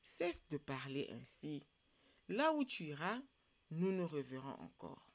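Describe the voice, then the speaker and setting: Narrator as calm, quiet mother water. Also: medium pitch, unhurried. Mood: soothing. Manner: quiet, soothing, admonishing. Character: calm mother water spirit, soothing and stern.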